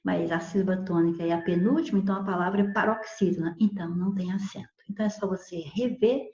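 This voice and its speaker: A woman's voice: medium pitch, mellow. A woman teacher explaining spelling rules patiently, repeating examples and checking in with "ok?". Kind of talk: recorded grammar lesson. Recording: echoey room, dull lo-fi sound.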